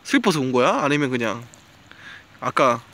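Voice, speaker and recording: A man's voice: mid-range voice, big pitch swings, moderate pace, fairly bright tone. A man chatting casually to camera while walking his dog by a riverbank outdoors, now and then coaxing the dog. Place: outdoors by a gravel riverbank at dusk.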